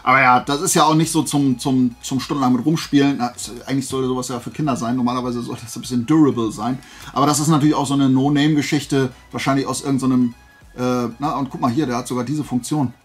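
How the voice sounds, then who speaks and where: A man speaks fast at a medium pitch in a steady tone, with soft music in the background. He's a YouTube vlogger showing flea market and fair finds, chatting casually to viewers in a rambling, digressive, self-deprecating way.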